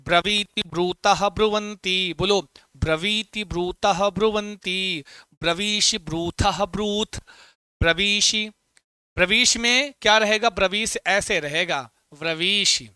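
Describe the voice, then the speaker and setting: A man's voice: sits high, slow pace, pushed and bright, clear, resonant tone, dry recording. A middle-aged man teaching Sanskrit verb forms, chanting them for students to repeat and teasing them along. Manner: playful scolding, calls students beta. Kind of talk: classroom lesson with call-and-repeat drills.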